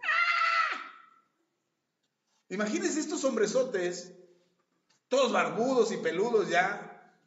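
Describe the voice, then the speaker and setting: A man with a Mexican accent preaching a sermon as pastor, a lively storyteller who jokes and acts out the scenes he reads. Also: high-pitched, measured pace, long pauses, slight background noise. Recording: very echoey, dull lo-fi podcast audio.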